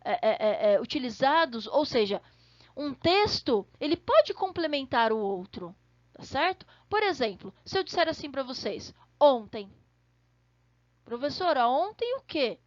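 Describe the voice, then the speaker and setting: A woman teaches an online class in a high, bright voice, explaining patiently and checking in with her students after nearly every point. The recording is dry and a little muffled, as if made on a simple home mic. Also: very animated, moderate pace, no echo. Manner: explanatory, checks in with frequent tag questions. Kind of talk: online language lesson.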